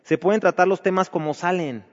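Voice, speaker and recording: In a dull, reverberant hall, a man with a high-sitting voice preaches to married men at a fairly quick pace. His sermon is conversational and full of rhetorical questions.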